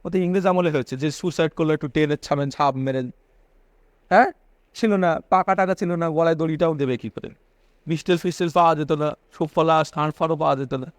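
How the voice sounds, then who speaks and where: A man's voice: sits high, no room sound. A man giving a religious sermon, repeating phrases for emphasis and asking his listeners questions. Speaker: preacher.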